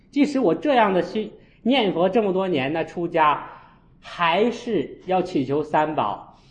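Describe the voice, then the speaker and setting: A man, a Buddhist monk, giving a storytelling dharma talk and acting out his own scolding with sharp jumps in voice. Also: on the high side. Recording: echoey, dull lo-fi room.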